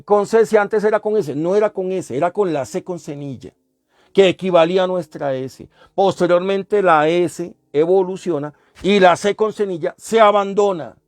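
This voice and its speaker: A man's voice: on the high side, darkish tone, no echo, clean studio sound. A man lecturing a class, explaining step by step, repeating sounds and asking the class questions. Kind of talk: classroom lecture on language history.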